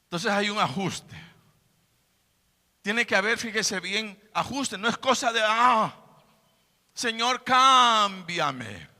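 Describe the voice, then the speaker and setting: A man's voice: sits high, unhurried, long pauses, bright, forceful tone, long reverb tail. A man preaching a sermon in a church, emphatic, repeating his phrases. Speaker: pastor.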